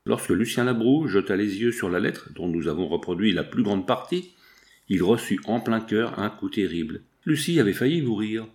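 A man narrating a novel in a measured, expressive reading. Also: lowish voice. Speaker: audiobook narrator.

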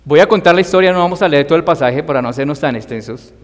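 A man preaching a sermon in Spanish, emphatic and expressive, sometimes calling out loudly. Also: fairly high pitch, very fast, in a large hall. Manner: emphatic, rising to loud acted cries for quoted voices.

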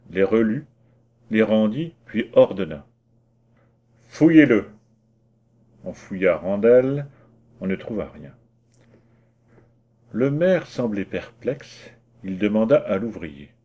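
A man narrating a classic short story as an audiobook, in a measured, expressive storytelling manner. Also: lowish voice.

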